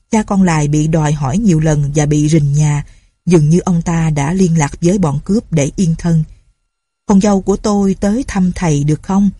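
Brief: husky, low-voiced woman reading a story, dry close sound. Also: warm tone, no room sound. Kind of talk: audiobook narration.

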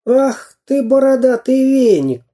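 A man voicing a brave, cheeky little iron man in a storybook reading, crying out in a shrill, excited voice. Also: slow pace, exaggerated voice. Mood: taunting.

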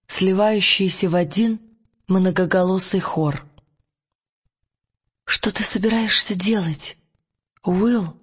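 A man reading an audiobook aloud in a calm, measured storytelling manner. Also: high-pitched, slightly rough, lo-fi sound. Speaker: audiobook narrator. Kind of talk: scripted narration.

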